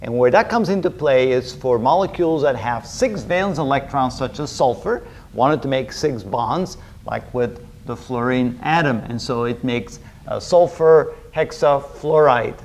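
A middle-aged man gives a chalk-talk chemistry lecture at a whiteboard in an indoor room, explaining step by step and frequently repeating his phrases. His medium-pitched voice is unhurried with lively intonation, and there's a little hiss or hum in the recording.

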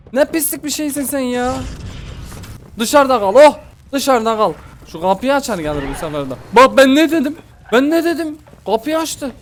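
A young man commentating a horror game let's play, panicky and exasperated, pleading and yelling at the monster chasing him. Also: sits high, slight background noise. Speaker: gaming YouTuber.

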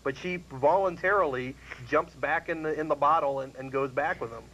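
A man co-hosting a casual chat about old sitcoms, rambling and halting with fillers and restarts. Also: fairly high pitch, fairly bright tone. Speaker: co-host. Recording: dull lo-fi 1990s cable recording with faint hiss.

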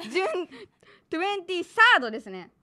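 A woman's voice: very high-pitched, moderate pace, creaky. A woman hosting an internet radio quiz, teasing her guests and laughing often in playful studio chat. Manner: giggly, teasing, lively. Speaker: radio show host and quizmaster.

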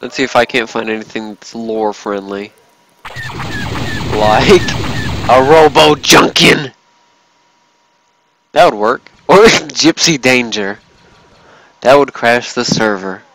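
A tipsy man giving rambling, swearing commentary while he plays a game, bursting into yells and laughs. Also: fairly low pitch, moderate pace, slight background noise, rough recording. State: tipsy from drinking. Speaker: gamer streaming his play. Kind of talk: casual gaming commentary.

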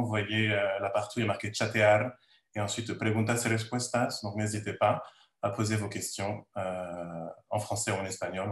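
A man hosting an online event and introducing a reading, talking in a halting way with many fillers. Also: on the low side, roomy sound. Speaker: event host. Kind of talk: hesitant introduction. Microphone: video call.

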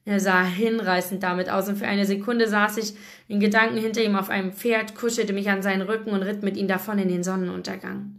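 A woman's voice: medium pitch, flat delivery, brisk. A woman reading a novel aloud in first person, her voice sitting in a middle register. She slips and restarts now and then. It sounds like a book blogger's reading.

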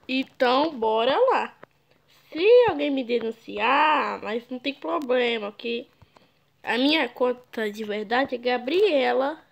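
A woman's voice: sits high, gravelly, lo-fi sound. A young woman, chatting casually and teasing others while she plays a game on stream. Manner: chatty, teasing, exclaims often. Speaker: gaming YouTuber. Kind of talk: casual gameplay commentary.

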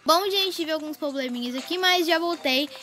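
A woman hosting a gaming channel, chattering excitedly through casual gameplay commentary while constantly talking to her viewers, recorded without her usual microphone. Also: sits high, moderate pace.

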